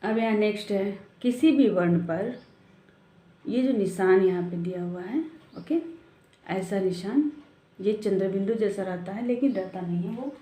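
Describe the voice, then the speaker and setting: A woman teaching a classroom lesson, patiently working through each exercise and asking the children questions as she goes. Her voice is mellow and soft-edged, at a middle pitch. The room around her is echoey. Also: measured pace. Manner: patient, explains step by step with rhetorical questions and mixed-in English words. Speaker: school teacher. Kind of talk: classroom lesson explaining a textbook.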